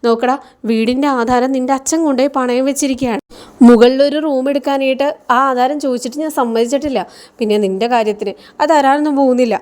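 A woman voicing a sharp-tongued middle-aged mother who scolds her grown son. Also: high voice, fairly even intonation, quick pace, close to an everyday voice. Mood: scolding. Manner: scolding, exasperated.

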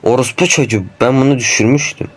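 A man cursing nonstop as he plays a horror game, yelling in panic when chased. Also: mid-range voice, fast talker. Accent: Turkish. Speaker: gamer. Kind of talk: horror game let's play commentary. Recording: noisy home mic recording.

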